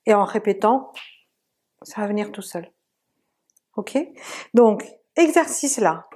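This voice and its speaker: Slow, patient woman teaching pronunciation. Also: mid-range voice, animated, a little mellow. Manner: patient, drills sounds slowly and repeats examples. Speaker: language teacher. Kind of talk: pronunciation lesson.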